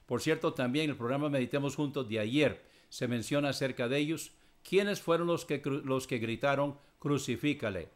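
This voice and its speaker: A man answering listeners' Bible questions, reading scripture verses aloud and explaining them in a measured way. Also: mid-range voice.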